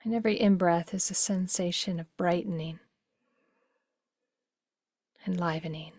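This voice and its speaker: A woman with a lowish voice guides a meditation, gentle, unhurried and soothing, her phrases softening into breathiness. There is no room sound.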